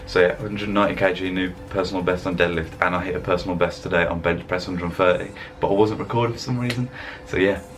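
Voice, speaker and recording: A young adult fitness vlogger talks into his desk webcam in an indoor room, laying a rambling, filler-heavy, relaxed voice-over over gym clips. His very deep voice keeps fairly even intonation, moving quickly with hardly any pauses, over a faint background hiss.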